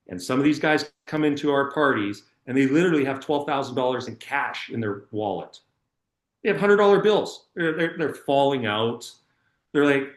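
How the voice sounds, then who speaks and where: A middle-aged man leading a workshop. He talks in an energetic, emphatic way, repeating words and using plenty of fillers. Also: mid-range voice, roomy sound. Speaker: workshop instructor. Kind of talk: public speaking workshop talk.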